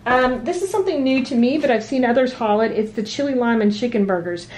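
A woman chatting casually at home while showing off her weekly grocery haul, relaxed and full of ums and restarts. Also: on the high side, fast talker, a little hiss or hum. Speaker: vlogger. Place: home dining room at a table.

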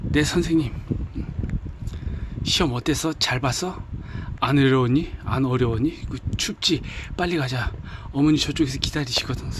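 A man voicing a gentle, caring young woman who is an older student, speaking softly and sweetly. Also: medium pitch, moderate pace, noisy background, natural voice. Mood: tender.

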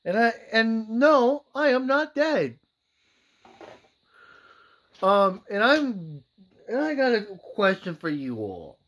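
A young man giving a casual gear test to camera in a halting way, as a vlogger indoors. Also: high voice, very animated, a bit bright. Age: young adult. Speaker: vlogger testing military gear. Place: small room indoors. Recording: slightly dull home recording.

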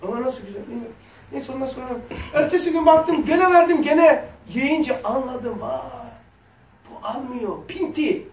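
High-voiced man teaching in an echoey room. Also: normal speed. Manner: colloquial and lively, with blunt slang asides. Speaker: religious lesson teacher. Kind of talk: religious lesson with casual storytelling. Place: lesson room. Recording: roomy echo, mic far off.

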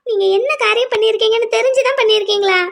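This is a woman voicing a torn, tearful young widow in a cartoon drama, her voice sitting very high and thin. She pleads anxiously, caught between duty and her own heart. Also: steady tone, racing. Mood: distressed. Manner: pleading, distressed.

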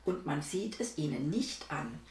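A woman reading a children's story, voicing a shrewd, protective old woman who speaks gravely. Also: deep voice, very animated, a little slow, reverberant, far from the mic, slight background noise, pitched below the performer's own voice, heavily acted. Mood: earnest. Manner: loud calling, then grave.

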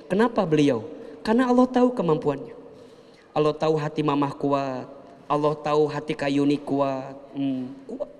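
High-voiced man preaching in a hall. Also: normal speed. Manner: emotive preaching, swings between soft and loud. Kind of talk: sermon.

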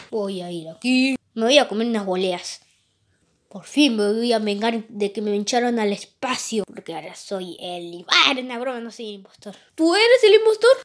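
A woman doing playful plush-toy role-play of a video game, jumping quickly between excited, squealing character voices. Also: on the high side.

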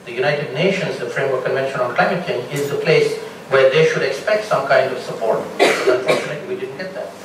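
A middle-aged Bangladeshi man answers as a panelist in a large lecture hall with an audience, laying out his points in a measured way and supporting them with examples. His voice is mid-range. A distant room mic picks him up, so the sound is echoey and far off, with a noisy background.

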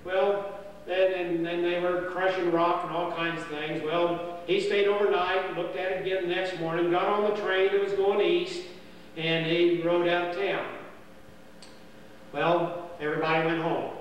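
The voice is high with little pitch variation, at normal speed, and the audio sounds dull. It belongs to an older camp storyteller telling a rambling, folksy history tale with plenty of fillers and restarts. A faraway camera records him inside a dining hall, picking up hall echo and a faint hum.

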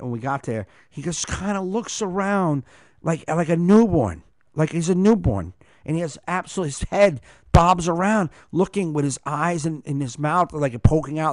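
A man's voice: mid-range voice, a little mellow, no echo, studio quality. A man with a New Jersey accent, telling casual comic stories as a podcast host, teasing in a mock-exasperated way. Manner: mimics and teases his friend, exasperated comic delivery. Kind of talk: comic storytelling, casual chat.

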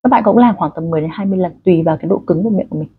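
A woman's voice: lowish voice, very fast, breathy edge, phone-quality sound. A woman with a Vietnamese accent teaching English pronunciation online, coaching learners step by step. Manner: friendly coaching, directly addressing learners.

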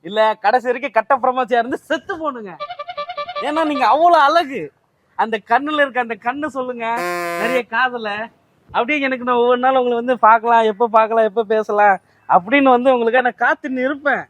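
A man's voice: very high voice, brisk, fairly bright tone, no room sound, faint music behind. A young man doing a street prank, pushily pleading and calling after a woman outdoors. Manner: pushy, wheedling, keeps calling out to her.

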